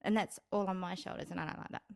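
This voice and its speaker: A woman's voice: fairly low pitch, steady tone, rapid-fire, vocal fry, darkish tone. A woman from Australia with a Brisbane accent, chatting casually and frankly as an interview guest. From grew up in Australia. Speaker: guest, Japanese interpreter-translator. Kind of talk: casual chat.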